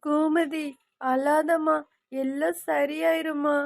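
Woman doing a high-voiced lamenting cartoon mother, dry close mic. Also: level tone, slow pace, vocal fry, no echo, full character voice. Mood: distraught. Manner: pleading, lamenting. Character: anxious grieving middle-aged mother.

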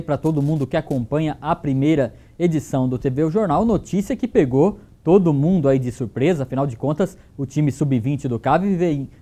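A man's voice: fairly high pitch, warm tone. A man in his thirties giving a sports report in a TV news studio, talking loosely with fillers into a lapel mic. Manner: loose, conversational delivery with fillers.

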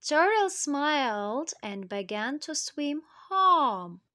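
Woman reading a kids picture book out loud, high voice, super slow and sing-songy. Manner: slow, expressive, addresses children directly. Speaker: storyteller reading to children. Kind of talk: children's storybook read-aloud.

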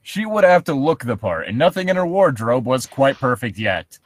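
A man casually bantering and reading a story aloud, sardonic and quick to swear. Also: medium pitch, sing-song, no room sound.

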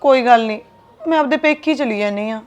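A woman's voice: on the high side, fast talker, dull audio, lightly acted. A woman playing a sorrowful young wife. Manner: gentle, sorrowful. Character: young deserted wife, sad and resigned. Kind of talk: family drama acting.

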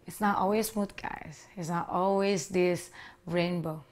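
Seated by a leather sofa in her living room, a woman in her thirties from Indonesia gives a personal testimony to camera through a lapel mic. She speaks a little slowly in a lowish, steady voice with an Indonesian accent. Her telling is earnest, with occasional small grammar mistakes.

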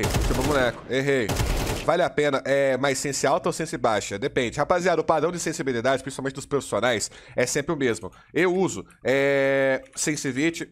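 A man with a Brazilian Portuguese accent coaching a video game while playing, slangy and casual, drilling the same steps over and over. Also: on the high side. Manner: slangy and casual, demonstrating while talking, keeps saying "look" and "you know"; direct, repetitive drilling of steps. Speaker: competitive gaming coach. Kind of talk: live gameplay tutorial. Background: faint in-game gunfire and mouse clicks.

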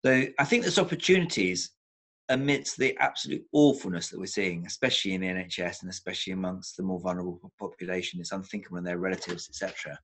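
Talking through a laptop webcam from home, an older psychotherapist gives a reflective video-call interview in a fairly low, fairly bright voice at a quick pace. He thinks aloud, restarting often and circling back to repeat words for emphasis as he builds his point.

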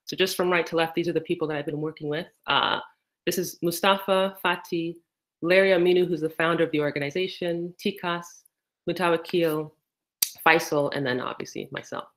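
A woman's voice: lowish voice, steady tone, brisk, fairly bright tone. Woman presenting on a video call. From United States. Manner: conversational, thoughtful, many fillers. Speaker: PhD candidate presenting research. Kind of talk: casual online presentation. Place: indoor room. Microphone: laptop video call.

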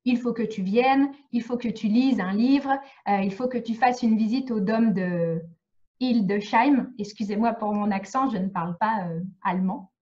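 A woman's voice: on the high side, moderate pace, darkish tone. French teacher woman on a lo-fi video call. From France. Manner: clear, patient explaining with frequent "ok?" checks. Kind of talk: live online French lesson.

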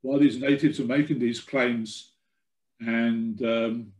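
An older man gives an informal talk with a hesitant, halting delivery. His voice sits at a middle pitch, and the room around him echoes clearly, as on a video call from home. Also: steady tone, a little mellow. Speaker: guest lecturer. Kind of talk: informal slide lecture.

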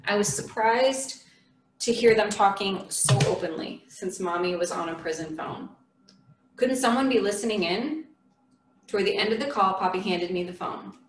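Woman, memoir reading, earnest and measured, echoey church room, distant mic, faint hiss. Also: medium pitch. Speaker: memoir reader.

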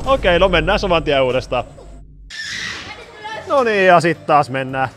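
A man vlogging at an amusement park, joking and shouting on the rides, his voice going hoarse. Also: a little high. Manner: excited, jokey, shouts on rides. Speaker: YouTuber. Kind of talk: amusement park ride vlog. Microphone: action camera.

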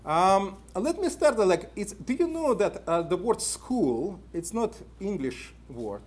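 In an unhurried, sing-song manner and a high voice, a man in his fifties with a Russian accent delivers a conference lecture at a podium. He speaks animatedly inside a meeting room, using lots of "uh" fillers and asking the audience questions, while a room camera records from a distance.

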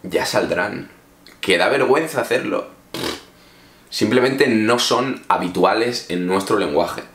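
A man from Spain talks straight to his viewers in a loose, chatty vlog, handing out informal advice. His voice sits low. The room around him is echoey. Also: a little slow, fairly bright tone. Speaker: English teacher vlogger. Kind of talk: casual advice talk to camera.

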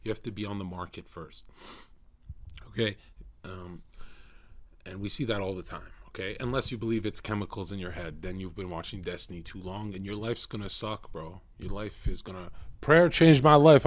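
A young man with a lisp streaming casually, reading slowly and halting, often breaking into giggles. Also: fairly low pitch. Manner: slow, halting reading with frequent giggling fits. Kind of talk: casual livestream reading and chat.

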